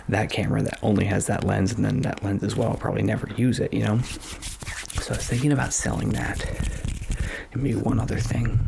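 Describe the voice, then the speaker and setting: A man doing casual ASMR, rambling and thinking aloud in a hushed, often whispered voice, close to a microphone in a small home studio. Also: lowish voice. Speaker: ASMR video creator. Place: small home studio bedroom with acoustic panels. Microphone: stereo XLR microphone, close up. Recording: clear background noise, clicks.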